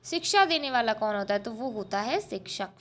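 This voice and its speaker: A woman with a high voice teaches a school lesson. She explains each point step by step, repeats the answers and keeps asking the class short rhetorical questions. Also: lively intonation, a little fast. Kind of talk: textbook lesson walkthrough.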